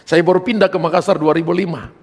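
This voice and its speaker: High, gravelly male preacher in echoing hall. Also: fairly even intonation, fast. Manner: emphatic storytelling, addressing listeners as brothers. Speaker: pastor. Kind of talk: sermon with personal testimony. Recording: long hall reverb.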